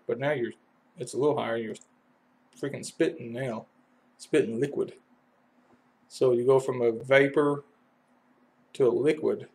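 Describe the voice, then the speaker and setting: A man's voice: mid-range voice, vocal fry. Folksy Kentucky man explaining HVAC. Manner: folksy, loose analogies with many fillers. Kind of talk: casual how-to explanation.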